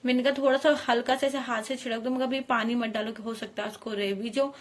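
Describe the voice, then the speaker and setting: A woman's voice: a little high, steady tone, fast talker. Earnest chatty woman vlogger. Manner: earnest, chatty, addresses viewers as guys. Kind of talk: casual storytelling to camera.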